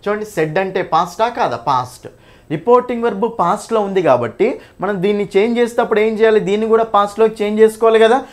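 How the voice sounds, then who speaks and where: Fast-talking teacher man. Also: high-pitched. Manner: repeats points, checks in with "okay?"; mixes English terms into Telugu. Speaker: English teacher. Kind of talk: exam-prep grammar lesson.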